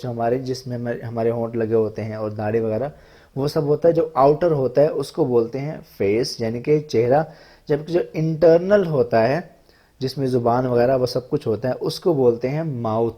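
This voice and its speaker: Guy w/ urdu accent teaching words super slow, mellow low tone, says each one twice. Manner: repeats each word slowly, stressing the first saying. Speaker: language teacher. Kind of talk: vocabulary lesson, slow repetition.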